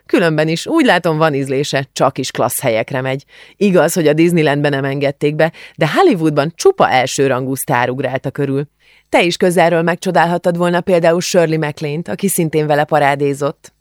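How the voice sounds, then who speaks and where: A man's voice: a little high, dry recording, clean studio sound, lightly acted. A man reading aloud who voices an outspoken, teasing teenage girl in an audiobook. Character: frank, blunt teenage girl.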